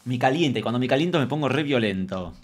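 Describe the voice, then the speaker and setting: A man's voice: mid-range voice, lively intonation, fast talker, slight background noise. A man with a Rioplatense Argentine accent doing let's play commentary, chattering to himself and viewers, repeating phrases and speaking of himself in feminine forms. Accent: Rioplatense Argentine Spanish. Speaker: gaming streamer.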